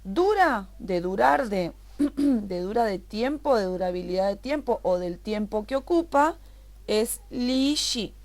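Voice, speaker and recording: A woman's voice: medium pitch, expressive, slow pace, darkish tone. A woman teaching a recorded online language class, explaining patiently and repeating each word step by step.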